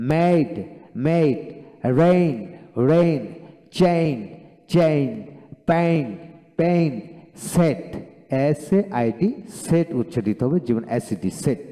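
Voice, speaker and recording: A man's voice: on the high side, warm tone. Man drilling words in a hall. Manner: repeats each word twice, then explains the spelling. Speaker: English pronunciation teacher. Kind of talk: pronunciation drill lesson. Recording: long hall reverb.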